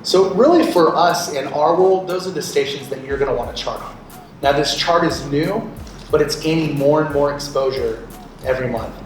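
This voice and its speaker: Speaking at a normal speed in a slightly high voice, this late-thirties man is a radio programmer invited as a guest speaker. He talks a group through an informal lesson in a conversational way, pausing for short check-in questions. It's captured on a distant mic in an echoey room with loud background noise.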